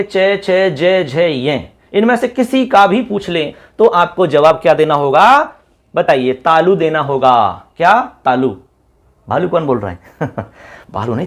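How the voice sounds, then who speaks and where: Lively male teacher quizzing students. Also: high-pitched. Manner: lively, repeats call-and-response questions to students. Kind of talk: classroom lesson.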